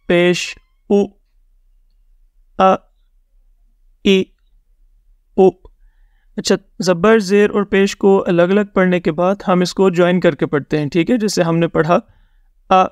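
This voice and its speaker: Male teacher for a beginner reading lesson. High, smooth voice, dry close sound. Patient, repeats rules, sounds out examples slowly. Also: darkish tone, no echo. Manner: patient, repeats each point and checks in often; mixes English words into his teaching. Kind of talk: step-by-step recorded lesson.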